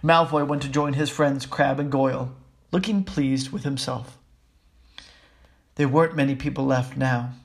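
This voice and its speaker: A man reading a children's book aloud in a steady, even way, with small slips. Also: medium pitch, unhurried, creaky, pauses often. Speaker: audiobook reader. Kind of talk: storybook reading.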